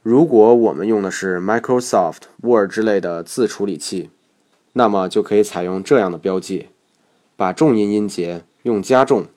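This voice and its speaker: Guy w a lowish voice walking thru a lesson step by step, calm n methodical. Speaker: English learning instructor. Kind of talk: scripted lesson narration.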